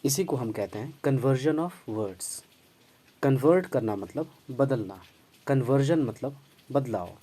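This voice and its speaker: A man's voice: medium pitch, lively intonation, slow pace, warm tone, husky. A man teaching grammar, explaining patiently and spelling out words letter by letter, with pronunciation. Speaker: English teacher. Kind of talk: Hindi-language grammar lesson with English terms.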